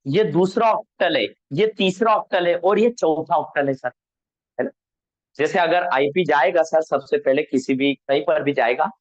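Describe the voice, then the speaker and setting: A man's voice: fairly high pitch, lo-fi sound. A man teaching a networking class online. He asks the class questions, answers them himself and corrects his own slips. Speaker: networking instructor.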